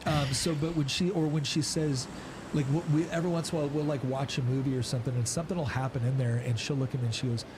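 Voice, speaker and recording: A man's voice: medium pitch, fairly even intonation, fast, background noise. A middle-aged man giving marriage advice in a casual podcast chat, earnest and rambling with many restarts.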